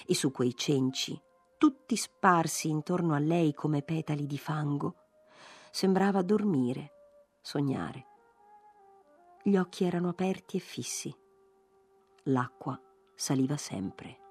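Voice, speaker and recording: A woman narrating a literary novel aloud in a measured, expressive reading. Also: low voice, slightly rough, faint music behind. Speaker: audiobook narrator.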